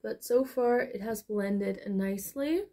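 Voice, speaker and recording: This young Dutch-native beauty vlogger sits in a small bedroom, chatting loosely through her makeup routine with many fillers. She speaks slowly in a mid-range voice with a dark tone.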